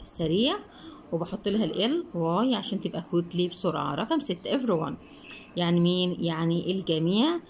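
A woman's voice: fairly low pitch, animated, low-quality recording. Egyptian woman teaching English, faint hiss. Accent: Egyptian Arabic. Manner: asks questions and answers them herself; reads English words slowly, then explains quickly in Arabic. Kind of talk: explaining a textbook lesson.

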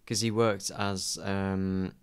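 A man's voice: deep voice, flat delivery, slow pace, clear, resonant tone. A young man co-hosting a podcast in casual chat, hesitant and full of fillers and restarts. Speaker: podcast co-host.

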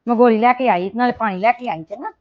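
A woman's voice: fairly high pitch, fast, dull audio, natural voice. A woman playing a tender, coaxing mother. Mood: soothing. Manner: soothing, coaxing, fussing tenderly. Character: loving anxious mother, tender and protective. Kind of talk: family drama acting.

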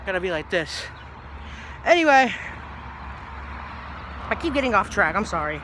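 A young man rambling into a phone camera held low at arm's length outdoors. His voice is high and bright, chatty and easily sidetracked, with faint traffic and outdoor noise behind him. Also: big pitch swings, normal speed. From New Jersey. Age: young adult. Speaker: vlogger. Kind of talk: casual rambling vlog. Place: outdoors by a brick house in a grassy yard.

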